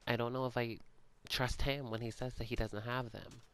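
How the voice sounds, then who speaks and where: A man playing out a role-play story in a game for his channel, soft-spoken and hesitant with many pauses, sighs and yawns. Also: mid-range voice, flat delivery, a little hiss or hum. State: yawning, sleepy. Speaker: gaming channel creator.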